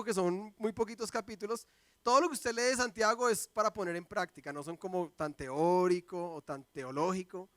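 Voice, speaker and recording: A man in his thirties, a pastor, preaching a sermon and telling family stories with lively, acted-out quotes. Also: high-pitched, no room sound. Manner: lively storytelling, acts out quoted voices. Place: church sanctuary.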